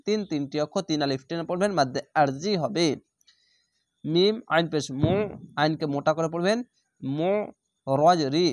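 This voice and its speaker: A man leads a Quran reading lesson, breaking each word into letters and vowel marks and stretching the syllables out. His voice sits a little high for a man. He is recorded on a close, dry mic with no room sound. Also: dry recording. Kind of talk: slow spelled-out recitation lesson.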